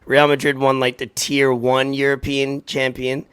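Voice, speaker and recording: A man in his thirties with a raspy, hoarse voice, hosting a sports podcast in a halting, informal chat. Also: mid-range voice, monotone, fairly bright tone. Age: 30s. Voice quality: raspy, worn voice. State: hoarse from partying.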